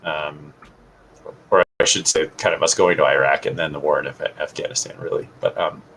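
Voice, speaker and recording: Man, very deep voice, casual co-host chat, rambling, faint background hiss. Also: fairly quick, low-quality recording. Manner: relaxed, rambling, many fillers. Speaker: podcast co-host.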